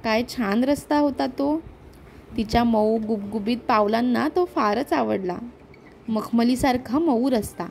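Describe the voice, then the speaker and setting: A woman's voice: a little high, gravelly, darkish tone. A woman narrating a children's story, reading aloud expressively.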